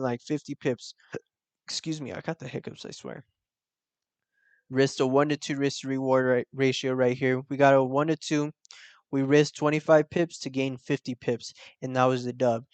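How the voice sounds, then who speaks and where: A man's voice: medium pitch, clean tone, no room sound. A young man hosting a casual trading tutorial, explaining step by step with slangy asides and check-ins. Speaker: forex trading channel host.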